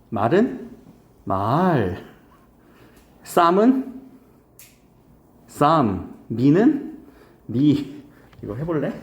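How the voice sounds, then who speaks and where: Lively-voiced male grammar teacher, echoey room. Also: medium pitch. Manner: casual, quizzing students with quick questions. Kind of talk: recorded lecture to high school students.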